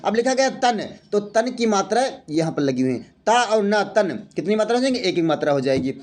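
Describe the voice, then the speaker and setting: A man's voice: high-pitched, very animated, brisk. A male teacher giving a grammar lesson, explaining step by step and counting aloud as he asks and answers his own questions.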